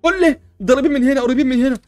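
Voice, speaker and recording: Frantic fast-talking young Egyptian man. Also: extremely high pitch. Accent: Egyptian Arabic. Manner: loud, frantic and constantly exclaiming. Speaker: gamer playing a superhero in a block-building game. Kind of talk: excitable role-play over gameplay.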